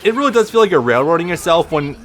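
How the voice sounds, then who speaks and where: A man's voice: a little high, very animated, quick pace, fairly bright tone, faint music behind. A man with a lisp giving casual, rambling gameplay commentary as a let's play host, swearing freely and restarting his sentences often. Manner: rambling, profane, frequent restarts.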